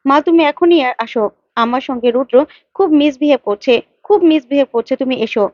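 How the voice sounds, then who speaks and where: A woman's voice: high voice, a little fast, no echo, close to an everyday voice. Woman voicing a defiant young wife. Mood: pleading. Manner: indignant, repeats herself, pleading to her mother. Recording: dull lo-fi, dry.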